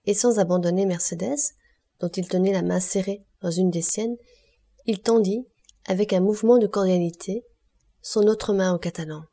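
A woman narrating a classic novel in a measured, expressive way. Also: mid-range voice. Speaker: audiobook narrator. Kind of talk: literary audiobook narration.

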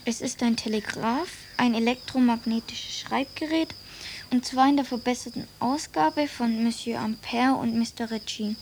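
Woman playing precocious young Jules Verne, high-voiced. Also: a little mellow, slight background noise, close to an everyday voice. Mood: earnest, self-important. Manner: slow, deliberate dictation, speaking punctuation aloud. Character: precocious, earnest young boy dictating letters to his parents. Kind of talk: German radio play acting.

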